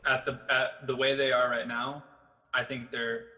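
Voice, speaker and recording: A young man co-hosting a casual esports podcast, excitable and teasing, swearing freely. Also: medium pitch, lo-fi sound. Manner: excitable, quick to swear and tease. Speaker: podcast co-host and editor.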